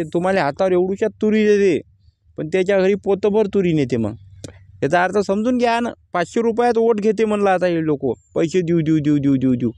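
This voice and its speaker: A male farmer with a high, somewhat dark voice talks straight to camera from his field in a casual vlog. He is blunt about crop prices, starting plain-spoken and working up to an angry complaint, with no room sound on the recording.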